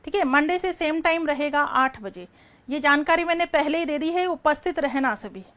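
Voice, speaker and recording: A woman teaching an online exam-prep lecture, firing quick questions, repeating each answer and calling her students "beta". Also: high-pitched, fairly bright tone.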